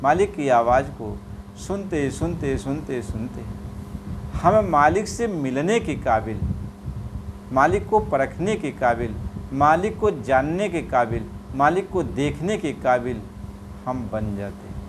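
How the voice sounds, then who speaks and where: A man giving a devotional sermon, repeating phrases and drawing out chanted verses in a slow, melodic way. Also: medium pitch, big pitch swings, noisy background. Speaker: spiritual preacher.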